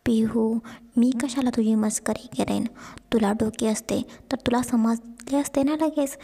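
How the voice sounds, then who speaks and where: A playful young husband teases his wife in a soft, half-whispered voice, as a woman reads him aloud. The voice sits high and sounds husky and a little gravelly. A long reverb trails behind every line. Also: steady tone, a little slow, full character voice. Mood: teasing. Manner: teasing.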